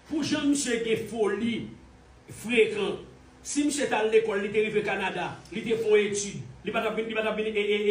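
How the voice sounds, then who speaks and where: A man from Haiti giving heated online commentary, mocking and scornful, repeating his jabs. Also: high-pitched. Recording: roomy echo, distant from mic.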